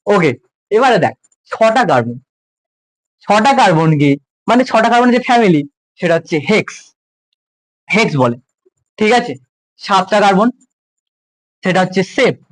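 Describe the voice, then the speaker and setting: In a low-quality recording without echo, a man with a high voice and a West Bengal Bengali accent teaches science to schoolchildren. He keeps things informal and full of jokes, talking to the students as if they were close juniors.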